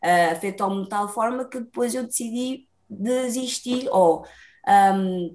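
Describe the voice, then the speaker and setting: Taking her time, a young woman from Lisbon talks in a mid-range voice with a Lisbon Portuguese accent. She's a dancer and a chatty, spirited interview guest who laughs often while telling her story.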